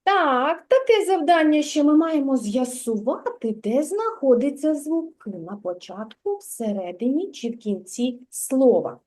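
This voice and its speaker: A woman's voice: high-pitched, animated, a little slow, few pauses, darkish tone. A woman kindergarten teacher leading a literacy lesson for young children, patient, drawing out her praise and prompting questions.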